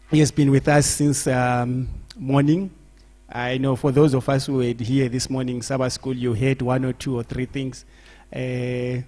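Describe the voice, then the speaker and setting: A man hosts a church program and introduces the afternoon's speaker. His talk is loose and chatty, with short laughs between phrases and a voice at an ordinary pitch. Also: darkish tone.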